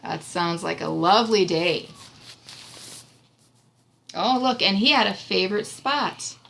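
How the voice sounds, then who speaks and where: Reading a picture book to a child, a woman in her thirties stops to encourage, explain and ask questions in a warm, chatty way. Her medium-pitched, slightly bright voice has lively intonation, vocal fry and a slow pace. It's a noisy home recording with room ambience, made in a small room.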